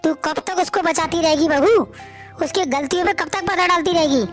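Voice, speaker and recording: A woman's voice: very high-pitched, a little fast, faint music behind. A woman voicing an older father-in-law who lectures firmly and protects his daughter-in-law. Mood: stern. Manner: firm and lecturing.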